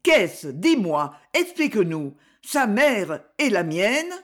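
A woman reading aloud as an eager, affectionate boy who is quick to get excited. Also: medium pitch, exaggerated voice. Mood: pleading.

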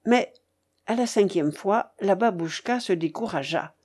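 Casting: woman audiobook narrator, unhurried, mellow tone, lively melody. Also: mid-range voice, husky. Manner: expressive, deliberate reading. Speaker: audiobook reader. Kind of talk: scripted narration.

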